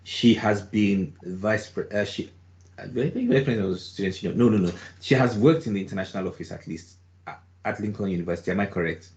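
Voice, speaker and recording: Jovial rambling male host, low voice. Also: quick pace, darkish tone, dull audio. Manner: jovial, rambling, self-correcting. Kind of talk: online interview, introducing a guest.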